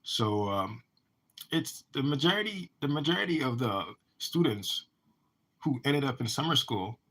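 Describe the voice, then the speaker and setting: An American man with a mid-range, slightly bright voice delivers a personal monologue about his life, animated but a little slow. He rambles, frequently restarting and repeating words.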